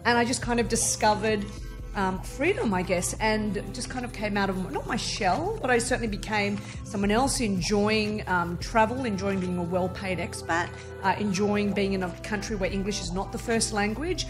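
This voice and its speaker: A woman in her forties from Vietnam, raised in Australia, chatting as a guest journalist in a casual, self-mocking way, laughing often, into a studio boom mic. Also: moderate pace, music in the background. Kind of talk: casual interview chat. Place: studio with neon-lit backdrop. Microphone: studio mic on boom arm.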